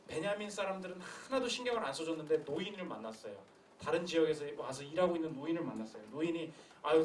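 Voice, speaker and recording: A young man preaches a sermon in a high voice, posing rhetorical questions and acting out quotes. He is recorded from a distance, in an echoey church with faint room sound behind him. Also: slight background noise. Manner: animated storytelling with acted quotes and rhetorical questions. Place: church sanctuary.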